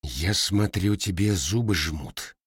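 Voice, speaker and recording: A man reading a young man who issues low, hissing threats. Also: animated, a little slow, slightly rough, dry recording, studio quality. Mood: menacing.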